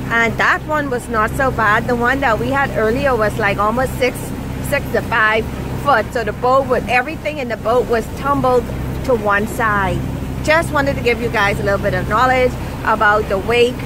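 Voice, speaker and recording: A woman chatting casually as she films a sailing vlog from the deck of a sailboat, explaining things with many fillers. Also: on the high side. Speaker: sailing vlogger. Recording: windy outdoor phone recording. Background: wind and water noise.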